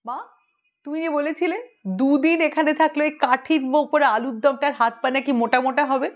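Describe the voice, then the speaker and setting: A woman voicing a spoiled, sharp-tongued young boy who talks in quick, demanding bursts. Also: high-pitched, steady tone, pitched above the performer's own voice, lightly acted. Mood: bossy.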